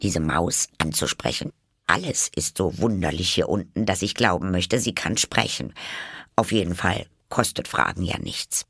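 A man's voice: low voice, lively intonation, normal speed, creaky, pushed and bright, slightly rough, dry recording, studio quality, heavily acted. A man reading aloud and voicing a polite, curious young girl who rambles eagerly and keeps apologizing. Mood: musing.

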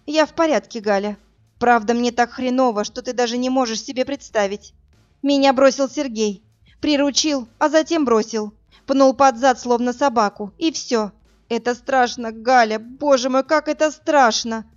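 A woman voices a desperate young woman on the phone, first tearful and pleading, then screaming in anger, with a despairing mood. Her voice is a little high and moderately paced, pitched above her own yet close to an everyday voice, and the recording is slightly muffled.

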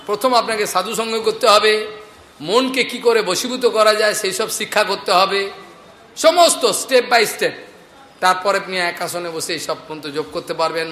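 Male preacher, Bengali accent, high sharp voice, earnest and anecdotal, long hall reverb. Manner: earnest, anecdotal, addressing the audience directly. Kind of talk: devotional scripture talk. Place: lecture hall in a market space. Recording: echoey hall recording with faint noise.

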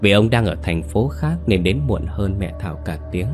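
A man narrating a dramatic story in a steady, measured reading. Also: deep voice. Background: faint music.

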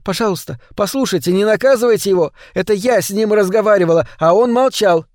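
A man's voice: on the high side, normal speed, darkish tone, no room sound, studio quality, close to an everyday voice. A man voicing a determined young girl who speaks in an urgent, pleading way.

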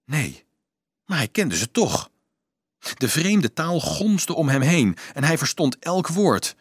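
A man narrates an audiobook at a slow pace, his mid-pitched voice slightly husky. The scripted reading is dramatic and expressive, with pitch rising and dropping a lot to follow the story's tension. The sound is close and dry, lacking any room echo.

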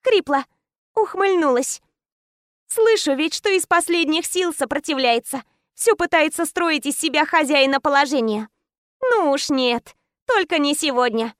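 A woman's voice: sits high, expressive, a little slow, dry recording, studio quality. A woman narrating a first-person romance audiobook in intense, clipped short phrases.

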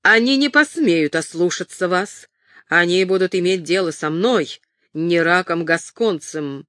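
A boastful, violent Gascon swordsman, as the reader puts him on, drawls his threats slowly and with swagger. The tone stays low and menacing in a dry, close recording. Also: pushed and bright, no room sound.

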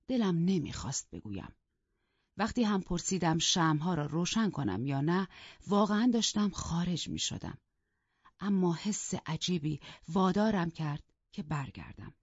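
A woman reading a novel aloud as a first-person audiobook narration, in a measured, steady storytelling manner. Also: lowish voice, slightly rough, dry recording. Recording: dull, dry lo-fi studio audio.

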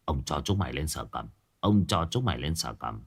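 A man voicing a gruff old villager who curses at and scolds a group of young men. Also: big pitch swings, a little fast, exaggerated voice. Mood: scolding. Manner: harsh scolding, low and cursing.

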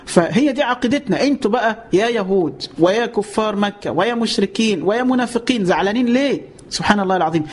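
A man with an Egyptian accent explaining scripture in a lesson, lively, asking rhetorical questions and often breaking into pious exclamations. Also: sits high. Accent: Egyptian Arabic. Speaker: religious teacher.

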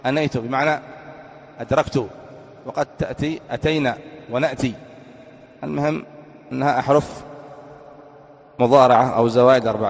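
A man from Yemen giving an Arabic grammar lesson, quizzing his students and repeating key words as he teaches. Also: medium pitch. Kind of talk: classroom lecture with questions to students. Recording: long reverberant hall.

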